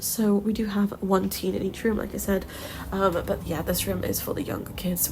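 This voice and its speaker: A woman narrates a game build in a casual, chatty way. Her voice has noticeable creak and a slightly stuffed-up nose, at a middling pitch. She rambles informally from one aside to the next. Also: darkish tone. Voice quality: slightly blocked, congested nose. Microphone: close voice-over mic or phone.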